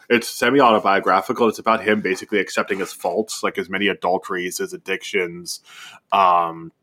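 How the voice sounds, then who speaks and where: A man's voice: deep voice, pushed and bright. A man co-hosting a podcast, talking through films in a loose, rambling way with lots of fillers. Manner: rambling, many fillers and restarts. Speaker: podcast co-host. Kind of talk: casual film discussion.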